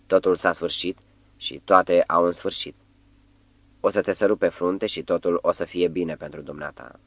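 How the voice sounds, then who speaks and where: A man reading an audiobook and voicing a gentle woman who speaks softly and reassuringly. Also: deep voice, creaky, dry recording. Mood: soothing. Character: gentle, soothing beautiful woman.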